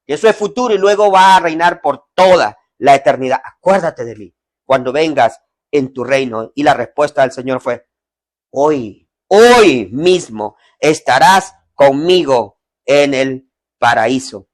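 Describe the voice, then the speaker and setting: High-voiced preacher with dramatic swings. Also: male voice. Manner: dynamic preaching, swells loud then drops to near whisper; addresses online listeners directly. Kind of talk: evangelistic sermon. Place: family home.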